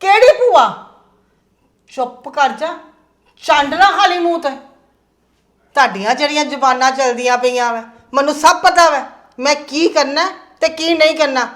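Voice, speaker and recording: A harsh scolding mother, high-voiced. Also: normal speed. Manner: scolding, sharp-tongued. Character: harsh middle-aged mother scorning elderly in-laws. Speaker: mother and daughter-in-law. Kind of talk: family drama acting.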